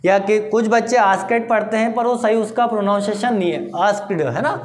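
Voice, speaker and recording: A teacher giving a grammar lesson, asking rhetorical questions, answering them and slowly repeating each answer. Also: mid-range voice, darkish tone. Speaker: English teacher. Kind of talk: classroom-style grammar lesson. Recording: roomy echo with faint background noise.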